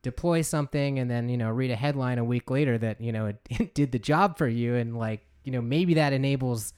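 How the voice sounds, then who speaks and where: Smooth-voiced man in casual chat. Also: medium pitch, a little fast, darkish tone. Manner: rambling, with fillers and wry jokes. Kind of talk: casual discussion.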